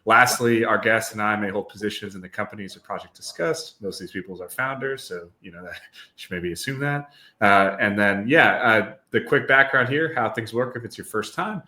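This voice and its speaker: A young man hosts a technical podcast with an upbeat, loose delivery full of fillers. His voice sits low but has a bright, forward edge. The room gives it an echoey ring. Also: fairly quick. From Wisconsin, US. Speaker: podcast host. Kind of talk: casual technical podcast hosting.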